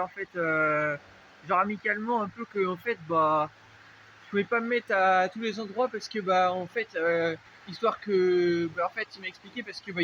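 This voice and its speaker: Standing somewhere dark and unlit with traffic noise nearby, a French-accented vlogger from France wanders loosely from topic to topic, stumbling through constant fillers and restarts. For a man, his voice is high, with a sharp tone. The recording sounds dull and lo-fi, carrying a faint hiss.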